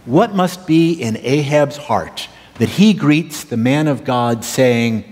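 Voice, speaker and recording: A man's voice: medium pitch, animated, takes it slowly, a little mellow. A male pastor preaching a storytelling sermon, emphatic and speaking directly to members of the congregation. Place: church sanctuary. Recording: reverberant church sanctuary.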